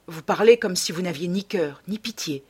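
A woman's voice: on the low side, animated, moderate pace, breathy edge. A woman reading the part of a sorrowful, reproachful male painter in an audiobook.

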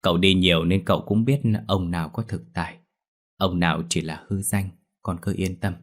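A man voicing a worried middle-aged uncle in an audio ghost story, speaking in a hurried, anxious way. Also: low voice, fairly even intonation. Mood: reassuring.

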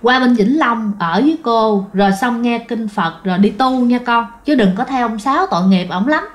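A woman's voice: a little high, moderate pace, close to an everyday voice. Woman doing a stern female spirit medium. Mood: coaxing. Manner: scolding, then gently coaxing.

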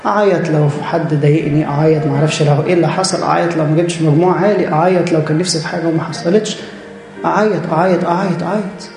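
A man's voice: fairly high pitch, fairly even intonation, rapid-fire, vocal fry, reverberant, over music. A man with an Egyptian Arabic accent preaching a church sermon, earnest and direct, repeating phrases for emphasis.

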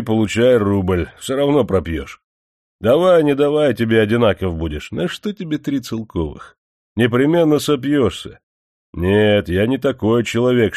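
A man's voice: lowish voice, a little mellow, no echo, studio quality, natural voice. A man reading an audiobook who voices a greedy, hypocritically pious factory manager, scolding and mocking the workers. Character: pompous sanctimonious male factory manager, greedy. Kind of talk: audiobook character voice.

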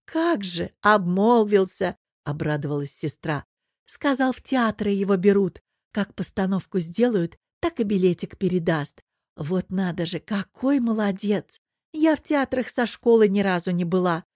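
A woman voicing a chatty, doting older aunt who coos and fusses in a high, loud voice, read in an audiobook. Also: animated, measured pace, no echo, clean studio sound. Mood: gushing. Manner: cooing, gushing, high and loud.

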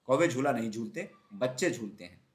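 Storybook crow, male, fussy and loud, played by the reader, nervous and bossy. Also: medium pitch, expressive, brisk, lightly acted. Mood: agitated. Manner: loud, shouting and scolding.

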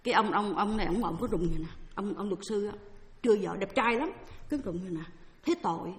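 A woman's voice: medium pitch, fast. A woman with a Southern Vietnamese accent, a Buddhist nun giving a dharma talk in a chatty storytelling way, acting out what others said and slipping in English phrases. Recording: echoey hall with long reverb.

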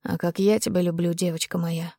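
A woman doing a hushed, tender male lover. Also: moderate pace, no echo, studio quality, lightly acted. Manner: low, hushed and gentle.

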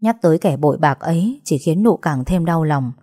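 A woman narrating a dramatic family story in a steady storytelling manner. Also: deep voice, normal speed, no room sound, clean studio sound.

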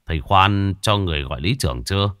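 A man's voice: deep voice, animated, quick pace, a bit bright, smooth, no echo, studio quality. A man voicing a stern, proud old former village chief speaking in a commanding tone.

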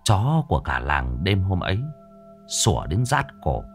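A man narrating a Vietnamese village ghost story in a vivid, expressive storytelling manner. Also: low-pitched, a little slow, gravelly, faint music behind.

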